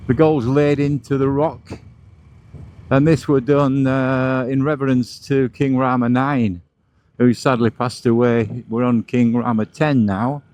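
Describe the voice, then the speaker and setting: A man's voice: medium pitch, steady tone, a little slow, a little mellow. A man giving casual, chatty motovlog commentary like a tour guide while riding outdoors, with vehicle and wind noise around him. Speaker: motorcycle vlogger and host. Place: outdoors, riding a motorbike along roads.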